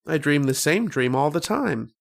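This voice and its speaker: A man takes the role of a dreamy, insistent little boy in a vintage radio drama, his delivery halting, earnest, and childlike. The voice sits a bit high, is expressive, and carries some vocal fry.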